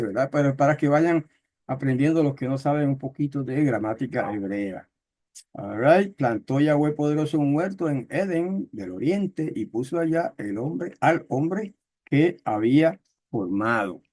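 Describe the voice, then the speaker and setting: A man teaching a Bible study, explaining words step by step and slowly reading out text in another tongue, with many fillers and checks on his listeners. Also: a little high, darkish tone. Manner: slow, careful reading of Hebrew text.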